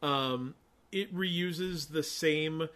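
A man with a slightly higher voice trades sarcastic, wry remarks in a loose, casual chat. He sounds amused and easygoing while making fun of a movie. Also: extremely slow, fairly bright tone.

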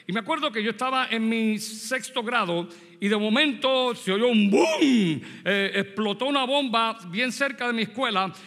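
A Puerto Rican man in his sixties, from Puerto Rico, preaches a sermon in a very high voice at a moderate pace with a sharp tone. Speaking with a Puerto Rican Spanish accent, he recounts a story from his youth and puts direct questions to the congregation. The recording carries a long hall reverb.

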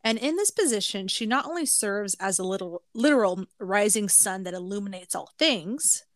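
A woman's voice: medium pitch, expressive, moderate pace, dry recording, clean studio sound. A woman co-hosting a podcast in a casual, playful and informal way. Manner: giggly, playful. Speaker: podcast co-host. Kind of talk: casual chat with some reading from notes.

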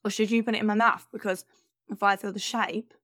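A woman's voice: medium pitch, flat delivery, a little fast, fairly bright tone, dry recording. Brief: woman co-host with a stuffy nose, giggly and chatty, dry close mic. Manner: chatty, giggly, self-deprecating. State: bunged-up nose. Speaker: podcast co-host. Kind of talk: casual chat.

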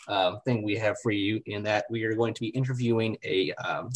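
A man hosts a podcast interview, upbeat and conversational, with a voice sitting a little below average pitch. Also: steady tone, fairly quick. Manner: upbeat, with frequent "you know" and "uh" fillers. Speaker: podcast host.

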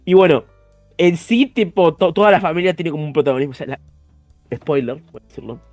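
Fast-talking Rioplatense young man. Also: on the high side, dry recording, faint music behind. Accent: Rioplatense Spanish. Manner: animated, slangy, swears casually. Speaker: podcast host. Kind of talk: casual chat.

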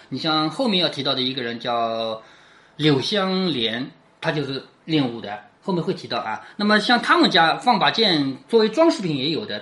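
Lively storyteller explaining a classic novel. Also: medium pitch. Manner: conversational, keeps asking "right?"; drops to a quiet tag at sentence ends. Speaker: teacher.

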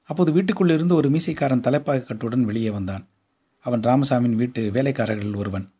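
Husky, dark-voiced man reading a story. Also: medium pitch, fairly quick. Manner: steady storytelling. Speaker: narrator.

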